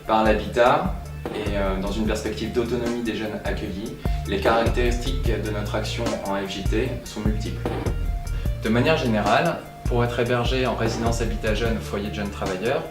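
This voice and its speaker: A man representing a housing association, reading a formal statement in measured, institutional phrasing. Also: lowish voice, fairly even intonation, echoey room, recorded from a distance, over music.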